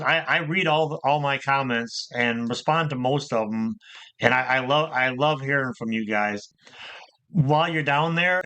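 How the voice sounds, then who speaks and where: A man's voice: fairly high pitch, sharp tone. A middle-aged man hosting a casual chat about his gaming past, rambling and repeating words as he tells stories. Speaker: channel host.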